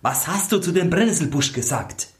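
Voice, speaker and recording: Man putting on a shrill scheming false bride. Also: expressive, moderate pace, close to an everyday voice. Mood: haughty. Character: false bride, ugly young woman, scheming and short-tempered.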